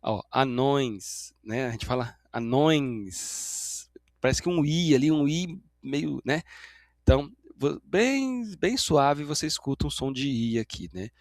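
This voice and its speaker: A Brazilian man teaching a grammar lesson, explaining patiently, checking in with "né?" after each point and drawing out example words slowly to show their sounds. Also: a little high, very animated, dry recording. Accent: Brazilian Portuguese.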